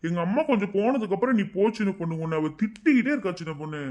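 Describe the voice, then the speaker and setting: A harried young husband in a cartoon, voiced by an actor, pleading and exasperated as he tries to calm his wife and his mother. His voice is mid-pitched and ordinary. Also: very fast, close to an everyday voice.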